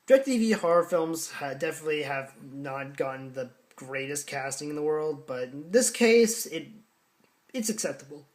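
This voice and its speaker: A man giving a casual film review, rambling and halting with many fillers, restarts and casual swearing. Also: a little high, animated. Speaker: horror film vlogger.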